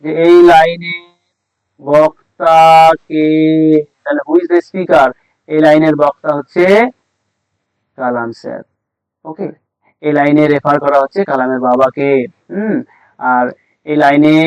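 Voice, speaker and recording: A man's voice: a little high, moderate pace, pauses often, clean tone, no room sound, rough recording. A male teacher explaining an English text in a lesson, asking questions and answering them himself, repeating key words. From Bengal.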